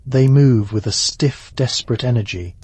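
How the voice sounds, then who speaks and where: A man telling a second-person history story for sleep in a soft, hushed, measured voice. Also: medium pitch, slightly rough, dry recording. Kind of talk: slow ASMR sleep-story narration.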